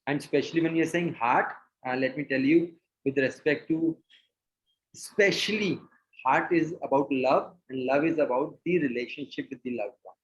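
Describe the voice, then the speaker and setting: Male, Indian accent, fairly high-pitched, fast informal group-session speaker, muffled online call. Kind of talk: informal group discussion, mixing Hindi and English. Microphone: video call.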